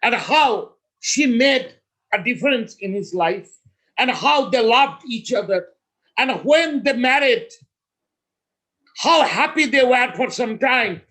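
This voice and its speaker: A man as a spiritual teacher, telling a story in a slow, measured way with emphatic pauses. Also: extremely high pitch, animated, bright, forceful tone, low-quality recording.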